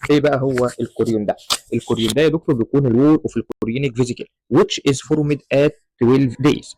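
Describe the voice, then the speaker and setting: A man's voice: medium pitch, very fast, warm tone, no room sound, poor audio. A man with an Egyptian Arabic accent explaining embryology slides to medical students, often calling the listener "doctor" and mixing in English terms. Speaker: medical lecturer.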